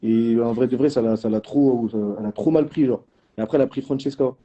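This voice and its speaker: A young man telling reality-show stories in quick, slangy casual chat, acting out what others said. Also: medium pitch, muffled recording. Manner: animated storytelling in slang, acting out others' lines.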